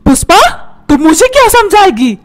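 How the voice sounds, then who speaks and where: A woman's voice: extremely high pitch, big pitch swings, moderate pace, background noise. A woman voicing a hot-tempered, stingy cartoon father who scolds and barks orders. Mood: scolding. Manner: scolding, bossy, shouting orders.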